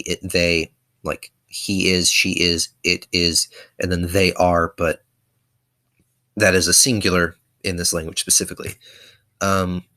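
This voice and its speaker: Bright-toned man teaching his conlang. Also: sits low. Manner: explanatory, hesitant with frequent ums and self-corrections. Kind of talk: casual video lesson.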